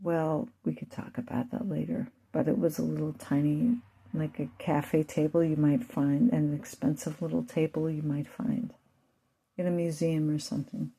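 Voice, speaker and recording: Woman, mother, host, personal storytelling monologue, emotional, rambling, mellow dark tone. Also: deep voice, flat delivery, normal speed, creaky, slightly rough. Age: adult with children. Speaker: channel host.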